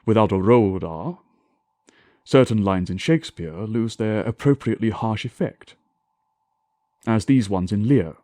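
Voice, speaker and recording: Formal man lecturing with very animated intonation. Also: on the low side, dry recording, studio quality. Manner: formal, deliberate, declamatory delivery with emphatic enunciation. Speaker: lecturer on historical English pronunciation. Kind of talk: scripted scholarly lecture.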